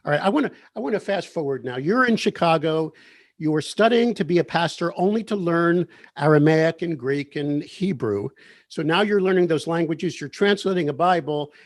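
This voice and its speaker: Slightly high-voiced male interviewer. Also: moderate pace, no room sound. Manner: friendly, leading questions that seek confirmation. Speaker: interviewer, host. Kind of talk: conversational interview.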